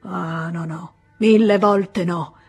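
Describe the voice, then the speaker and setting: A self-serving young man, clipped and grumbling, muttering his excuses to himself, as a woman narrator puts him on. The voice stays husky and breathy. Faint music sits behind this audiobook reading. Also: on the low side, fairly even intonation, slow, exaggerated voice. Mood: resentful. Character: cynical young man, wavering lover.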